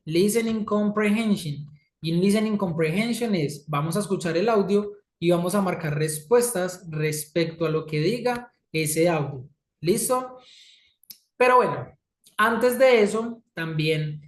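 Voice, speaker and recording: A woman's voice: fairly low pitch, a little mellow. A woman teaching an English class, who keeps checking in with her students. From Colombia. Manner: checks in often with "¿sí?" and "¿listo?". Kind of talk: classroom lesson. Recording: echoey room.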